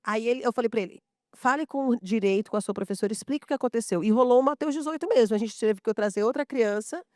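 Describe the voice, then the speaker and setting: A woman's voice: fairly high pitch, fast, warm tone, dry recording, studio quality. A woman from a school staff, sharing heartfelt stories at a round table, full of fillers and moved to tears at moments.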